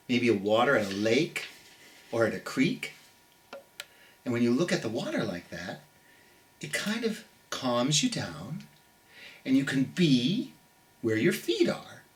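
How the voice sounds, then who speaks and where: Speaking straight to young listeners, a middle-aged storytime host for children reads aloud and chats gently and theatrically. Words are stretched out for emphasis, and the voice sits at a medium pitch.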